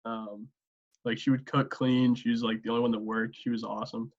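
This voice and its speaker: A young man talks in a laid-back, rambling way as a podcast guest, dropping plenty of fillers. His voice sits at a middle pitch. The audio is a little dull and lo-fi, like a video call. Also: flat delivery, brisk. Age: young adult. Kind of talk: casual chat.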